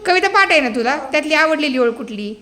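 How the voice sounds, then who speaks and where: A woman's voice: sits high, animated, fast, sharp tone. A woman teaching a poetry lesson to small children, questioning them in a sing-song way. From India. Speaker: primary school teacher.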